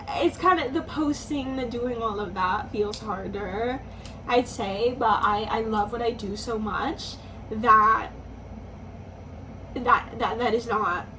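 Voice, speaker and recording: A woman in her twenties, a musician talking slowly and thoughtfully in a personal vlog, often pausing and restarting her sentences. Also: a little high. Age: 20s. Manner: slow, thoughtful, hesitant with restarts. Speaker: musician vlogger. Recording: slightly distant mic, faint background noise.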